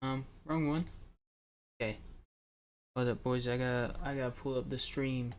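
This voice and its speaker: A man's voice: medium pitch, fairly even intonation, moderate pace. A young man hosting a casual livestream, rambling to his viewers, calling them "boys" and talking loosely with many fillers and restarts. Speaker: livestream host.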